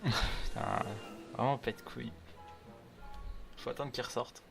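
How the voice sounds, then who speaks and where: A man's voice: medium pitch, steady tone, unhurried, gravelly. A man casually commenting on a game, swearing and talking to himself. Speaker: gamer commentator. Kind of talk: casual let's play commentary. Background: game music.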